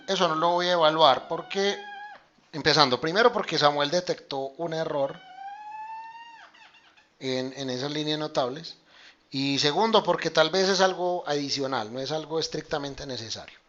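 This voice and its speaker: A man's voice: fairly high pitch, fairly bright tone, lo-fi sound. A man teaching a math class online, explaining step by step in a casual way and often checking in with his students. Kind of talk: online class lecture with screen demonstration.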